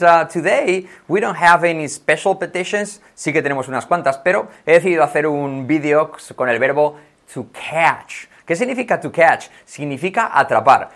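A man teaching a language lesson online, lively and chatty, often checking in with the viewer and repeating words for practice. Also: on the high side. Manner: lively, keeps checking in with "vale" and "ok"; models words by repeating them.

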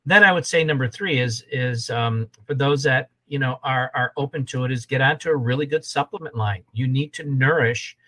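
A man's voice: medium pitch, moderate pace, few pauses, a bit bright, poor audio. A man in his sixties, a holistic health coach, talking as a podcast guest and repeating his points in a rambling way. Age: 60s. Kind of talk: casual podcast conversation.

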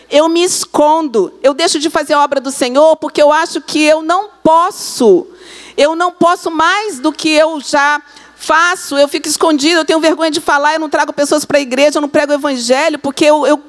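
Woman pastor, high voice, earnest sermon, repeats phrases for emphasis.

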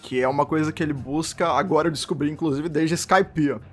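A man's voice: fairly high pitch, fairly quick, soft background music. A man co-hosting a podcast, steering the casual chat and laughing often. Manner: lively, laughs often, leads the topic. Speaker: podcast co-host. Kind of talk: casual chat about anime.

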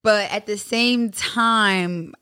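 A woman co-hosting a podcast in casual chat, with a drawn-out, questioning delivery. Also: mid-range voice, sharp tone, smooth. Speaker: podcast co-host.

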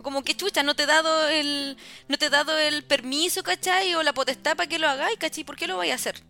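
A young woman with a Chilean accent, co-hosting a podcast in casual chat, animated and tagging her phrases with questions. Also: high-pitched, fast talker, faint music behind. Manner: animated, tag questions after every phrase. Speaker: podcast co-host.

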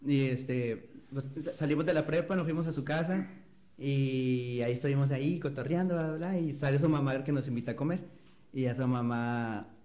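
In a laid-back interview, this young Mexican guest shares an anecdote, doing impressions of other people. His mid-range voice has a dark tone and a normal speed.

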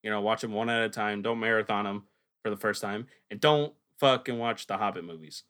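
A man's voice: on the low side, fairly quick, fairly bright tone. A young man hosting a podcast, rambling casually and laughing often between his points. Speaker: podcast host.

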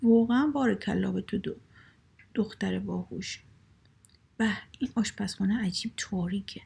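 An assertive young wife fusses and complains insistently about the rooms in a storybook reading. Her voice is husky and mellow with a gravelly edge, as a woman reads her. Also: medium pitch, exaggerated voice.

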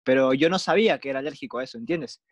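A man's voice: medium pitch, racing, no room sound, highs cut off. Slangy young Peruvian man telling stories. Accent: Peruvian Spanish. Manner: rambling, slangy, animated anecdotes. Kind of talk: casual storytelling chat.

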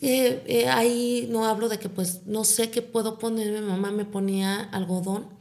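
A woman's voice: fairly high pitch, steady tone, normal speed, darkish tone. A middle-aged Mexican woman, a foundation founder, telling her personal story in an interview and ending nearly every phrase with a tag question.

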